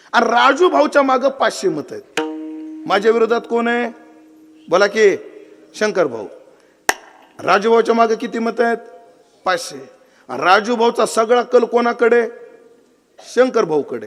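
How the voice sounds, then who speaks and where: A man's voice: high-pitched, a bit bright. A man with a Marathi accent preaching a devotional kirtan, telling a story with voiced characters and quizzing his audience.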